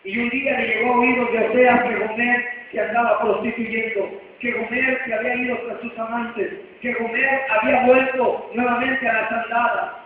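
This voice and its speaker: A male preacher delivers a sermon, calling out questions to his congregation and acting out the people in his story. His voice sits very high and comes from far across a hall with long reverb. The recording is thin, phone-like and hissy. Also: level tone, moderate pace. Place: church hall.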